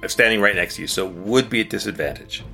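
A man's voice: lowish voice, fast talker, gravelly, sharp tone, soft background music. A man running a tabletop game as game master, describing the action and patiently explaining rules, laughing often.

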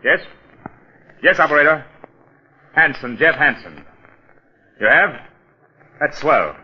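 An actor playing an edgy police detective, brisk and commanding, in 1940s radio crime style. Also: male voice, on the high side, expressive, slightly rough, exaggerated voice. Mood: urgent. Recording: muffled old radio recording.

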